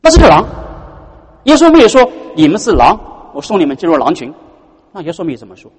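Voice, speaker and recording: Male pastor, sermon, husky tone, rhetorical questions, reverberant church hall. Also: sits high, quick pace. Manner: animated, full of rhetorical questions to the congregation.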